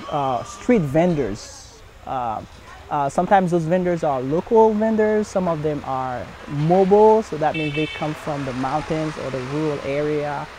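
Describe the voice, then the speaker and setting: In a documentary interview, a young man from Haiti whose father founded a community center talks earnestly, with many fillers and restarts. He has a fairly high-pitched, darkish voice.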